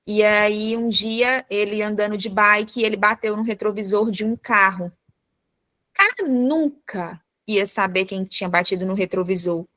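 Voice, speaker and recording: A woman leading a prayer meeting, telling a personal story in an informal devotional talk, lively and full of little fillers. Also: medium pitch, unhurried, no echo.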